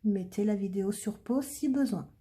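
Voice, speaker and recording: A woman teacher slowly and patiently talking children through handwriting letter by letter, in a clear step-by-step way. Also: mid-range voice, warm tone. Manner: slow, patient, clearly articulated dictation. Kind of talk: handwriting lesson, step-by-step instruction.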